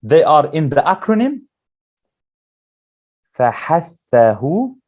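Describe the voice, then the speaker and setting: A male Quran teacher leading a classroom lesson, slowly drilling letter sounds and asking the class questions. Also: a little high, sing-song, darkish tone.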